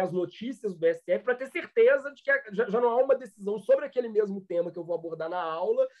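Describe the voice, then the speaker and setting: A man's voice: sits high, highs cut off. A Brazilian man, a law professor, giving a lecture with many fillers and restarts. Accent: Brazilian Portuguese. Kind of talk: online lecture.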